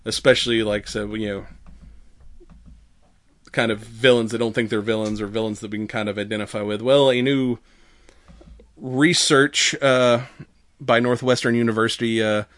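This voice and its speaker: A man co-hosting a podcast in casual chat, halting and conversational, with some swearing. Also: fairly low pitch, steady tone, fairly bright tone. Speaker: podcast co-host.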